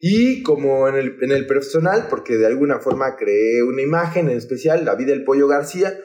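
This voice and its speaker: A man's voice: mid-range voice, animated, moderate pace, darkish tone. A young man with a Mexican accent, a podcast guest chatting casually in slang and rambling through many restarts. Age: young adult. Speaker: guest, hostel project leader.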